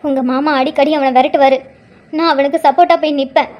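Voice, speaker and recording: A woman voicing an older grandmother and mother-in-law who speaks softly and sorrowfully, full of guilt. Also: high-pitched, steady tone, fast talker, lightly acted. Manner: soft, pleading and sorrowful. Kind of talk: cartoon drama voice acting.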